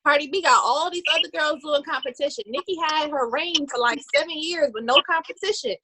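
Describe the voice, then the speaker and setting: A woman's voice: high-pitched, fairly quick, bright, forceful tone, no echo, rough recording. A woman on a casual discussion panel, blunt and sassy in her takes. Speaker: panel guest.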